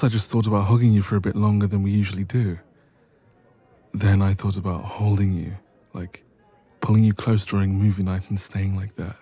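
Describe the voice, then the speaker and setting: In a romance audio roleplay, a man plays an affectionate young best friend. His voice is dark, relaxed, lowish and husky, and he sounds hesitant and intimate, teasing gently.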